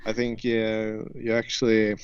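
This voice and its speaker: A man's voice: lowish voice, completely flat delivery, a little slow, clean tone, lo-fi sound. A man from Sweden, a native Swedish speaker, hosting a casual podcast chat and talking hesitantly with many fillers. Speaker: podcast host.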